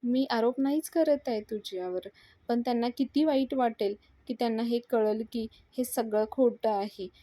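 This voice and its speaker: A worried young woman from a serial, read aloud by a woman narrator, speaks in an agitated, pleading rush. Her voice sits high yet soft and mellow. The sound is close and dry. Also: moderate pace, no echo, natural voice. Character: young woman, anxious and upset.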